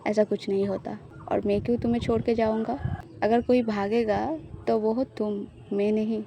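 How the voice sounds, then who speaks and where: A woman's voice: mid-range voice, little pitch movement, normal speed, creaky, mellow, a little hiss or hum, close to an everyday voice. A woman voicing a confident, teasing young woman who playfully reassures her partner in an audio love story.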